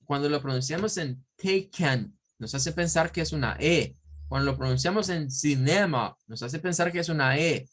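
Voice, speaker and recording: A man's voice: a little high, moderate pace, a bit bright. A man teaching an online English pronunciation lesson in Spanish, explaining carefully and repeating example words for drill. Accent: Central American Spanish. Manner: looks up words in an online dictionary as he talks.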